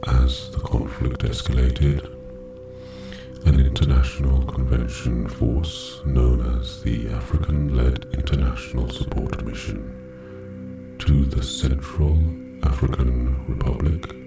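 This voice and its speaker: Male narrator, very low and gravelly, unhurried and measured, recorded echoey and far off over music. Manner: measured, even reading with long pauses. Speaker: meditation narrator. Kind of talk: slow scripted narration. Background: music, singing bowl.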